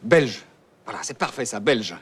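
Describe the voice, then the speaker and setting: A man's voice: mid-range voice, lively intonation, moderate pace, slight background noise, lightly acted. An actor playing an exasperated, impatient middle-aged man in a film comedy. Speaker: film character.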